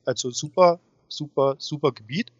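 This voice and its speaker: A man's voice: fairly high pitch, normal speed. A man, an interview guest chatting in an informal, enthusiastic way. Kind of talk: casual chat. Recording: dull, muffled sound with room echo.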